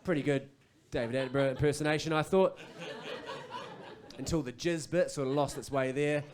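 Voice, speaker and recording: A man's voice: fairly high pitch, a little fast, a crowd in the background. A man with a New Zealand accent performing a stand-up comedy set on a club stage, telling stories and acting out other people's voices. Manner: animated storytelling, acts out voices.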